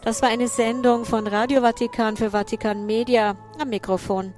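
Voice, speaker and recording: A woman's voice: a little high, flat delivery, normal speed, a little mellow. A woman hosting a live broadcast, giving commentary and signing off to listeners. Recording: music behind the voice. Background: music.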